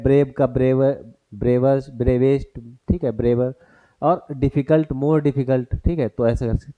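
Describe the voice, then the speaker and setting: A man's voice: mid-range voice, dark tone. A man teaching a grammar lesson for exam prep, who turns each point into a question for the class and mixes English terms into his explanation.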